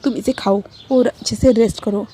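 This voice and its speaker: A protective king gives calm, soothing orders in a mellow, steady voice, as a woman puts him on in a storybook reading. A faint hiss of noise lies under it. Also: a little high, normal speed, natural voice. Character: cold, protective king, gently reassuring.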